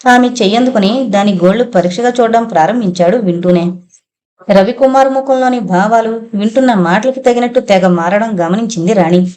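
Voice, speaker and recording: A woman's voice: on the high side, dark tone. A woman narrating a novel as an audiobook reader, shifting slightly for dialogue. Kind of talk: novel read aloud, voicing characters.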